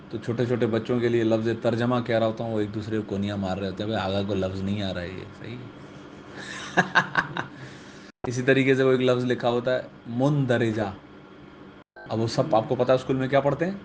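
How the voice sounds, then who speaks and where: A man's voice: mid-range voice, darkish tone, slight background noise. A man, a religious teacher giving a classroom grammar lesson who keeps checking in with his students.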